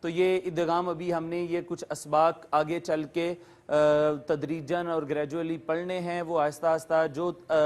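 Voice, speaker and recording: A Quran teacher with a strikingly high voice gives a methodical lecture on Arabic letters and recitation rules. He patiently goes term by term, defining and repeating each one, and speaks politely to his viewers.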